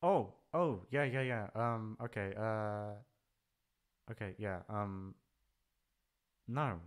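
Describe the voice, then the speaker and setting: An ASMR voice actor and channel creator rambles through a casual farewell chat, hesitant and swearing freely as he goes. His voice is fairly low, slow and clean in tone.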